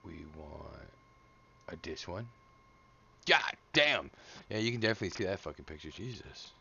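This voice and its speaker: A man's voice: low voice, expressive, brisk, creaky, fairly bright tone, husky, highs cut off. A man streaming a game live, joking crudely with chat and muttering repeated phrases to himself.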